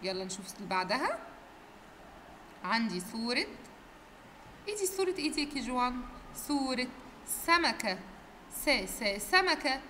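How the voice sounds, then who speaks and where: High, bright Egyptian woman teaching little kids. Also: very animated, moderate pace, long pauses, long reverb tail, slight background noise. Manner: stretches out letter sounds and asks the class questions in a sing-song way. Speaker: kindergarten teacher. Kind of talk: recorded phonics lesson for young children.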